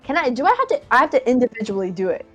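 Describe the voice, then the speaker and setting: A woman chatting and asking rules questions as a player in a tabletop game, in an excitable way. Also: high-pitched, racing, soft background music. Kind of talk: casual tabletop play.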